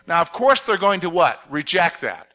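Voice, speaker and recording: A man teaching a Bible passage as a pastor, animated and posing fill-in-the-blank questions to his listeners. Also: a little high, normal speed. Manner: animated, asks the audience to fill in words. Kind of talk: expository sermon with audience questions.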